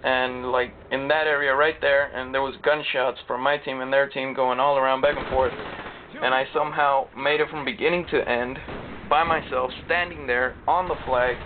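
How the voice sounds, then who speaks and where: A man's voice: mid-range voice, steady tone, normal speed. A young man just out of bed, rambling and swearing through a casual commentary over his game footage. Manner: rambling, profane, drowsy. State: just woken up. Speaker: gaming commentator. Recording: tinny lo-fi capture with noise.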